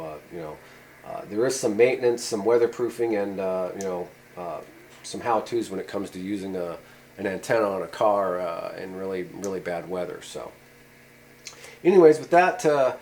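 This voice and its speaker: His fairly low, slightly mellow voice carries a laid-back, meandering antenna demonstration at the workshop bench, where he hosts a channel about radio antennas. He frequently says "uh" and "you know," and there's a bit of background noise.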